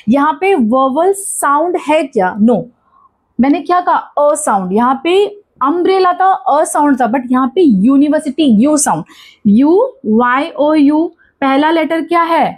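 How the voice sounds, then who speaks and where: Brief: high-pitched Indian woman, grammar teacher, asks and answers her own questions, drills the rules, mixes in English terms. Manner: asks questions and answers them herself, repeats key points. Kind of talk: classroom-style grammar lesson.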